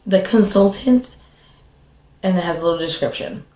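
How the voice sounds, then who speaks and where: A young woman with a slightly hoarse voice chatting casually as a beauty vlogger while doing her makeup, rambling with lots of fillers. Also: fairly low pitch, animated, normal speed, dark tone. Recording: echoey room.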